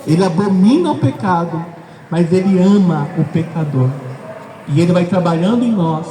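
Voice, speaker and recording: A man's voice: sits high, expressive, moderate pace, mellow, far from the mic, a little hiss or hum, poor audio. A Brazilian man preaching a sermon as pastor, talking conversationally and emphatically straight to his listeners. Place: church service with a congregation.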